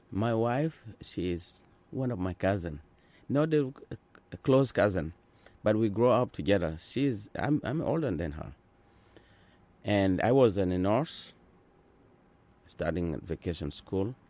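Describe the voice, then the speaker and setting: In this conversational interview, an Azande-speaking man in his sixties, from Sudan and also noted as South Sudanese, replies in English as interviewee and translator. His voice is low with a somewhat dark tone. His delivery is sincere and slow, full of pauses and false starts.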